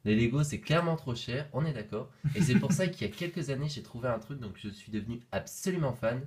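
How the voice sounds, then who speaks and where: A young man with a mid-range, darkish voice chats casually while unboxing toys on camera. He talks fast and expressively, staying playful and jokey as he rambles with fillers and asides.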